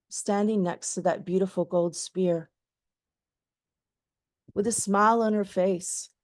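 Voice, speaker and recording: A woman guides a meditation using gentle, lulling phrases, speaking very slowly in a warm, mellow, middle-pitched voice. The recording is close and dry, with no room sound.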